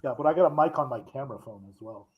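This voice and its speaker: A man on a video call chatting casually, his mic so muffled and low that he sounds like he's inside a barrel. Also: very fast, husky. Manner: says he has a cold. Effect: muffled low mic, like talking inside a barrel. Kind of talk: casual chat. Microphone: faulty mic on a remote call. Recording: muffled remote mic with faint noise.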